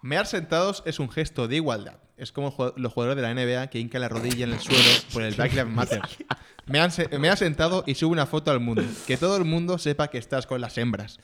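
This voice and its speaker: A man co-hosting a comedy podcast, delivering quick deadpan jokes. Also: mid-range voice. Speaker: podcast co-host.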